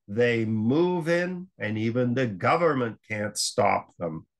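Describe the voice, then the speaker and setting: An older man delivers a library slide lecture on world affairs. His voice is medium-pitched and fairly bright, and he speaks unhurriedly and emphatically, leaving long pauses.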